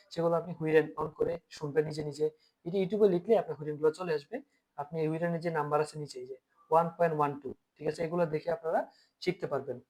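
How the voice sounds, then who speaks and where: Bengali man teaching German, slightly high voice. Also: darkish tone. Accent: Bangladeshi Bengali. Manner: repeats questions and answers them himself, checks in often. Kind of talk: lesson explaining vocabulary.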